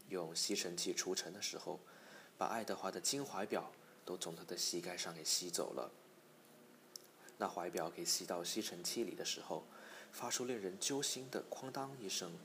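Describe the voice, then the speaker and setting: A man narrating a storybook in a measured, even manner. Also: deep voice, slight background noise. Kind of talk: audiobook storytelling.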